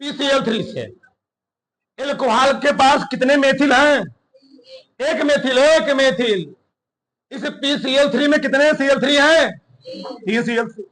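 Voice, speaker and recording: A man teaching a chemistry class, quizzing students with constant call-and-response questions and dictating notes slowly. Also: very high-pitched, fairly bright tone, low-quality recording. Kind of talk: classroom lecture.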